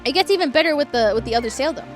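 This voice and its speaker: A woman chatting casually and playfully to viewers as she streams a game, with some vocal fry in her voice. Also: high voice, expressive, very fast. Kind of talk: casual livestream chat over gameplay. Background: game music.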